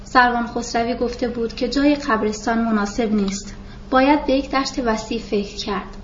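Woman, audiobook narration, steady measured reading, fairly high voice, dull lo-fi roomy recording. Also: slight background noise. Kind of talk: reading a novel aloud.

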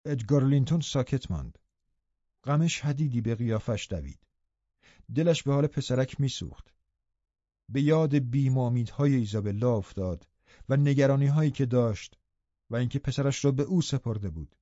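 A man narrating an audiobook in a steady storytelling manner. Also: mid-range voice, dry recording. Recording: dull, dry studio recording.

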